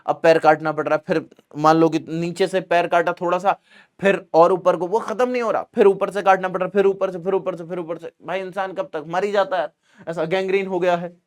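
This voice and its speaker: A man's voice: high-pitched, steady tone, a little fast. A man teaching a Hindi literature chapter, reading lines aloud and explaining them in a chatty, repetitive way, acting out dialogue. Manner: conversational, repeats lines, calls students beta; acts out quoted dialogue with a raised voice.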